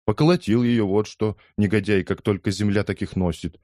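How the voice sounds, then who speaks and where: A man doing a loud scolding old mother, indignant, rambling, raised voice, dry sound. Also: fairly low pitch, steady tone, normal speed, no room sound, pitched above the performer's own voice, close to an everyday voice. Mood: outraged. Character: indignant older woman, loud gossiping mother. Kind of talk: audiobook character voice.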